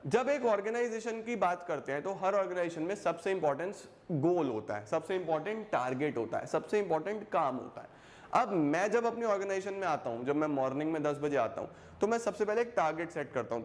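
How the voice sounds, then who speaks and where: A young man teaching a commerce lesson to school students, mixing Hindi with English terms and repeating phrases as he asks the class questions. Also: on the high side.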